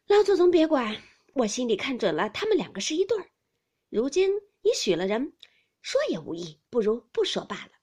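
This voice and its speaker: Wang Xifeng, a woman doing a loud, sharp-tongued young wife. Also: on the high side, big pitch swings, brisk, husky. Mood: knowing.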